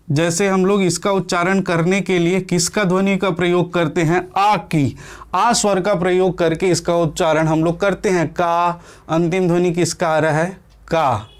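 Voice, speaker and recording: High-voiced man teaching a lesson. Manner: explains step by step, keeps asking the class questions and answering them; sounds out letters slowly to demonstrate. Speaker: exam coaching teacher. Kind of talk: classroom lecture.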